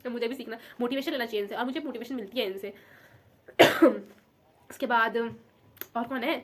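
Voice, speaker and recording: A woman's voice: fairly high pitch, moderate pace, slight background noise. A young woman vlogging in casual chat, emotional and affectionate, rambling as she talks. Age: young adult.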